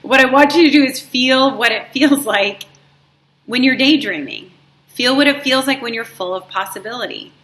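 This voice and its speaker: A woman hosting a motivational talk for her viewers, her voice bright and forward. She speaks encouragingly and lingers on the words she wants to stress. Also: high voice, expressive. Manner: warm, encouraging, drawn-out emphasis on words. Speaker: life coach and show host. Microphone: live stream setup.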